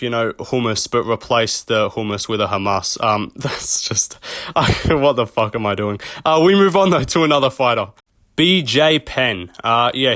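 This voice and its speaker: A young man talking off the cuff about fighters in a loose, rambling way, full of swearing and little laughs at his own jokes. His voice sits at an ordinary male pitch. The sound is dry and close, with no room in it. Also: pushed and bright, no room sound. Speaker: MMA commentary channel host. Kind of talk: casual off-the-cuff commentary.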